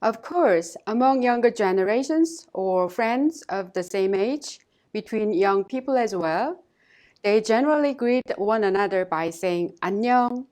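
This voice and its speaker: A woman teacher giving a scripted language lesson in a measured, instructive way, pausing to model phrases for listeners to repeat. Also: mid-range voice, animated, darkish tone.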